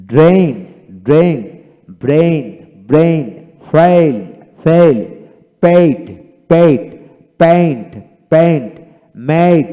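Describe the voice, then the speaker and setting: A man teaching English pronunciation, saying each word twice with a louder, higher stress, with a Bangladeshi accent. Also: in a large hall. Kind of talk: pronunciation drill lecture.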